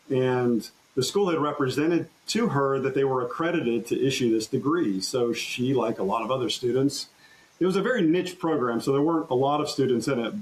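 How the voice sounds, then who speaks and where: A man's voice: mid-range voice, low-quality recording. Earnest storytelling male trial lawyer. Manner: earnest, halting restarts, recounts courtroom exchanges. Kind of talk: conversational storytelling interview.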